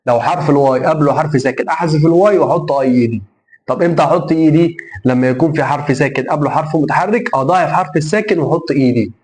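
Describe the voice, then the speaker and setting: A man's voice: fairly high pitch, fast, a little mellow. A young man with an Egyptian Arabic accent, teaching English grammar to middle school students. He repeats each rule and asks "okay?" before answering it himself. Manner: repeats rules and asks himself questions like tamam? then answers.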